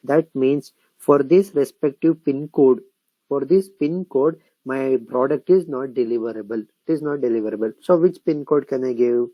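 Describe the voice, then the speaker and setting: This screen-recorded software tutorial is narrated by an instructor with an Indian English accent at a medium pitch and normal speed. He explains every step, echoes phrases as he types, and regularly checks in with "okay?" and "correct?". There's no room sound, and the highs are cut off.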